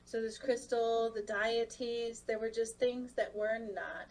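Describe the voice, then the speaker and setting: A woman leading a guided spiritual channeling session, speaking in short, solemn, halting phrases. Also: a little high, steady tone. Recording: distant microphone, constant background noise.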